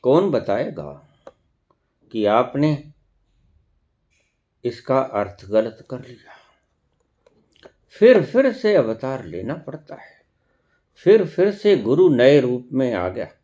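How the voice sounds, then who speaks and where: A man giving a spiritual discourse as a teacher, deliberate and full of rhetorical questions. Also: mid-range voice, sing-song, mellow.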